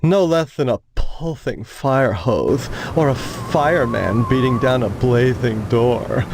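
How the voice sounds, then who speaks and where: A man's voice: medium pitch, slow, gravelly, noisy background. An actor voicing a flamboyant, prissy, pompous fireman in a video game, with an arch, emphatic delivery. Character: flamboyant prissy fireman who loves sketching nude men. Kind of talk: theatrical video game character acting.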